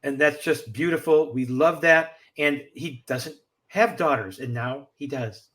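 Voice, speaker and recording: A man conducting an interview, asking questions in a gentle, supportive manner. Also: mid-range voice, unhurried. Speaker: interviewer who works on birth parent search cases.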